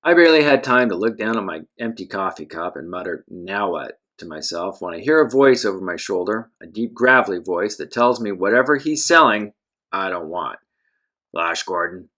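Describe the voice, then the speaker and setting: A man's voice: fairly low pitch, animated, a little fast, few pauses, sharp tone. A man narrating a first-person pulp adventure story with wisecracking, self-mocking, hard-boiled asides.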